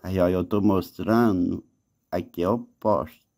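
A man's voice: low voice, fairly even intonation, slow pace, darkish tone. A man with a Mineiro accent, filming the night sky outdoors on a phone resting on a wall, insistently talking to viewers as he films. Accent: Mineiro Brazilian Portuguese. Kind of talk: casual narration while filming. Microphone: phone camera resting on a wall.

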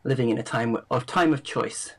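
A man's voice: mid-range voice, brisk, a crowd in the background, low-quality recording. A man doing an interview, speaking in a rambling way with many fillers and generous thanks. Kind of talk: casual interview.

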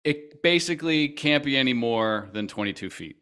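A middle-aged man cohosting a casual podcast over a video call, explaining details in an animated way at a desk mic in a small room at home. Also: medium pitch, moderate pace, clean tone. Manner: explanatory, animated with hand gestures. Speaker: podcast co-host. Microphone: desk mic on stand, video call.

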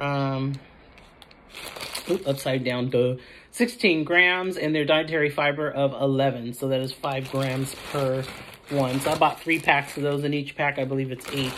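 In a room at home, a middle-aged or older American woman shows off a grocery haul, chatting casually to the camera in a rambling way and correcting herself as she goes. Her voice sits low, with slight background noise.

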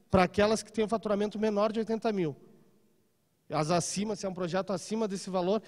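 With a high-pitched but darkish tone and a big-room sound, a man in his thirties delivers a live trade seminar through a handheld microphone in a large conference room. He talks conversationally and regularly checks in with listeners via "tá?" and "né?".

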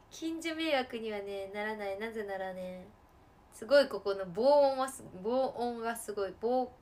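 Chatty woman streaming a game, slightly high voice. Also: expressive, measured pace. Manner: chatty, laughing often, with sudden loud outbursts. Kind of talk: casual live-stream chat while gaming.

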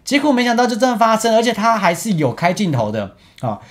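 A man's voice: high-pitched, very animated, quick pace. A young man with a Taiwanese Mandarin accent, an esports team captain chatting casually over game footage and laughing often.

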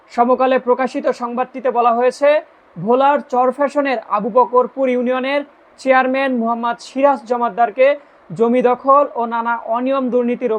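A woman with a Bangladeshi accent presenting scripted news and commentary, addressing viewers directly in an emphatic way. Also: fairly high pitch.

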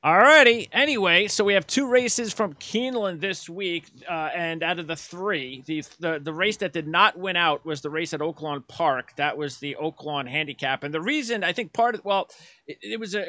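A man's voice: high-pitched, moderate pace, pushed and bright, no room sound. A middle-aged man hosting a casual sports talk show over a video call, chatty and rambling with frequent restarts. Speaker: podcast host. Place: home room, indoors.

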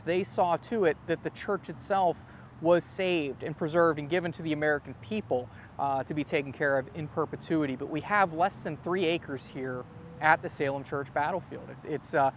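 A man in his thirties hosts a live outdoor history tour, telling the story in a lively way and reading notes from his phone. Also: fairly high pitch, normal speed, a little hiss or hum. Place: outdoors in a grassy churchyard. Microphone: clip-on lapel mic.

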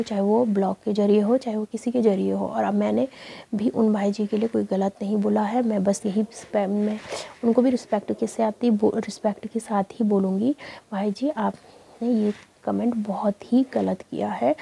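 Woman vlogger from Uttarakhand, Pahari accent; flat, dark delivery, earnest and repetitive. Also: medium pitch, creaky, breathy edge. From Uttarakhand, India. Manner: earnest, lecturing, repeats phrases. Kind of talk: casual talk to camera.

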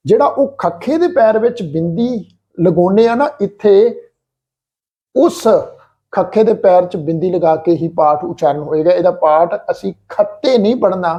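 A man from Punjab teaching scripture pronunciation in a patient, slow lesson, repeating each word carefully. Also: sits high, dark tone. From Punjab, India. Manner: patient, repeats words slowly and deliberately. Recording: slightly dull lo-fi recording.

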